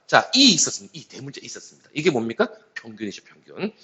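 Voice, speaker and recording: A man's voice: medium pitch, wildly swooping pitch, fast talker, sharp tone. A man teaching a math lesson, repeating key terms and starting many phrases with a filler word to pace his explanation. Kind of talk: classroom math lecture. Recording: slightly dull lo-fi sound.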